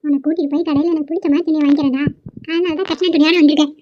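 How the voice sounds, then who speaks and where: A bossy cartoon grandmother who scolds and makes demands of her grandson, as a woman voices her. The voice sits very high. It comes through a dull, lo-fi recording. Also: steady tone, rapid-fire, a little mellow, a little hiss or hum, natural voice. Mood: teasing. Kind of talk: dubbed cartoon dialogue.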